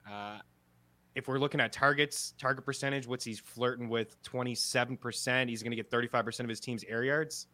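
Bright-voiced Canadian man chatting. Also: medium pitch, steady tone, dry recording. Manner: chatty, thinks aloud with quick restarts. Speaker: podcast co-host. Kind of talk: casual chat.

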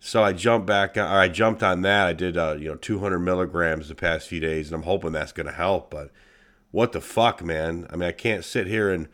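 A man hosts his own podcast in a casual solo monologue, speaking bluntly and animatedly with plenty of swearing. His voice is low-pitched, congested and nasal, and he talks at normal speed.

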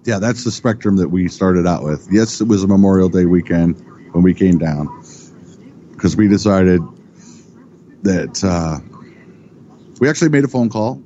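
A middle-aged man with a deep, dark voice talks casually as a guest, rambling and stopping to correct himself. The recording is dull and muffled, with a faint hiss underneath. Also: moderate pace, long pauses. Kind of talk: casual chat.

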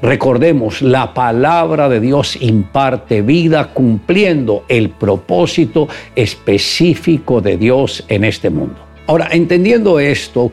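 Man preaching, gravelly voice, earnest and exhortative, soft music behind. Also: mid-range voice. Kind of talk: sermon with prayer.

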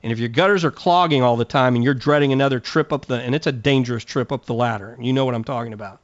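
A man's voice: medium pitch, fast talker, no room sound, muffled recording. A man hosting a radio gardening call-in show, giving direct, folksy advice. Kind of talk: radio call-in talk and live ad read.

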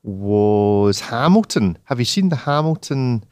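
A man's voice: mid-range voice, expressive, slow, darkish tone, dry recording, studio quality. A Scottish man hosting a podcast in casual chat, loose and joking. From Scotland. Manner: chatty, laughs often, loose and joking. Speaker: podcast host. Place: outdoors in a public place.

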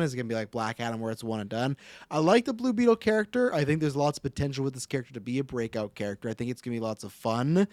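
A man's voice: medium pitch, a little mellow, no echo. Casual rambling man hosting a chat. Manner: rambling, loose, swears freely. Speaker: podcast host running through upcoming movies.

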